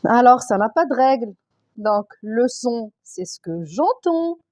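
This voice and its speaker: A woman teacher, slowly sounding out letters, sounds and syllables for young children in a reading lesson. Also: fairly high pitch, big pitch swings, a little mellow. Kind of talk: primary school reading lesson.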